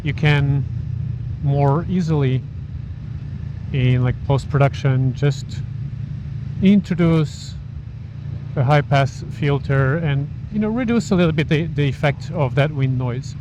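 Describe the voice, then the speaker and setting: A man vlogging casually and haltingly from inside a motorcycle helmet as he rides, with wind and engine noise. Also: a little high, highs cut off. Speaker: motovlogger. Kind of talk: casual vlog talk while riding. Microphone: small wireless mic inside helmet.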